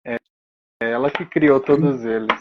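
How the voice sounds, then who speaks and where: A man's voice: mid-range voice, moderate pace, muffled recording. A man with a Brazilian Portuguese accent, co-hosting a podcast and chatting casually while he retells scenes from a TV episode. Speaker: podcast co-host.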